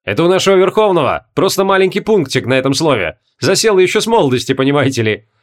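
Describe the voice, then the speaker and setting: A man's voice: on the high side, very animated, fast talker. A man reading an audiobook voices a big, jovial male sorcerer who teases his friend with lazy banter. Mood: teasing.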